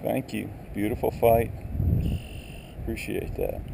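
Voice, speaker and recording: A man's voice: lowish voice, flat delivery, unhurried, vocal fry. A man giving casual fishing commentary, talking to the fish in short murmured remarks outdoors. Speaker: angler. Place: outdoors on a lakeshore. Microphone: body-worn action camera. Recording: windy, noisy outdoor action-camera audio.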